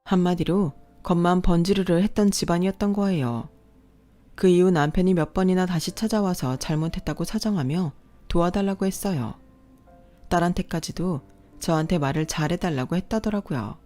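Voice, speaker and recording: Woman reading out a family drama story, lowish voice, soft music behind. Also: moderate pace. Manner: steady, confiding storytelling. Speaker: narrator. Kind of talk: first-person drama story narration.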